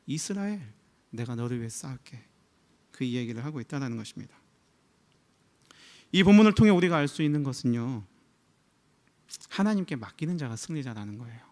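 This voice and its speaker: A man's voice: a little high, darkish tone. A male pastor, likely in his thirties, giving a conversational sermon full of rhetorical questions. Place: church.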